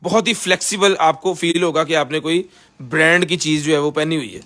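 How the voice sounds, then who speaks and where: A man with a Pakistani accent giving a casual live sales pitch as a seller, pushing items hard and repeating himself like a hard-sell ad. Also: fairly quick, a bit bright. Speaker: live-stream seller of container goods.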